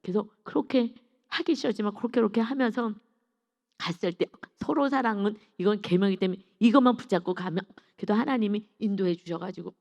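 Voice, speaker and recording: A woman's voice: mid-range voice, quick pace, vocal fry. Woman preacher, emphatic and emotional, early-morning sermon in a church with long reverb and dull sound. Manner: emotional, emphatic, swings from loud to soft. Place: church sanctuary.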